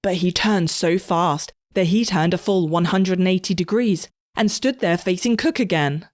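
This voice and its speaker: A woman narrating a comic story in a lively storytelling manner. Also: fairly low pitch, moderate pace.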